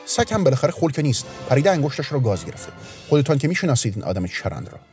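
A man's voice: medium pitch, big pitch swings, darkish tone, faint music behind. A man voicing a bystander from the crowd who explains what happened. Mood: tattling. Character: man in the crowd, telling tales.

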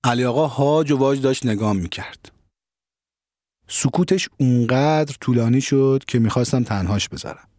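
A man narrating an audio story in a calm, measured storytelling manner, recorded close to the mic. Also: mid-range voice, dry recording.

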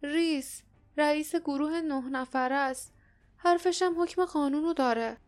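A woman voicing an anxious young kitchen worker who speaks in a low, fearful hush. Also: close to an everyday voice. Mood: hushed worry.

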